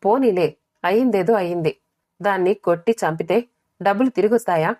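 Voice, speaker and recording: A woman voicing a young married elder sister, brisk and calming toward her family. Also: medium pitch, dry recording, studio quality, lightly acted.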